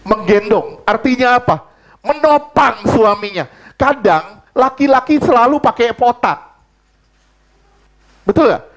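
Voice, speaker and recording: A middle-aged man delivers a sermon in a notably high voice. He leans on repetition, saying the same phrase again and again to drive a point home. Between the exhortations he talks to the congregation plainly, as if sharing a personal story. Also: lively intonation, unhurried, pauses often, rough recording. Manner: emphatic preaching with heavy repetition of phrases; conversational, personal testimony told to the congregation. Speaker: pastor.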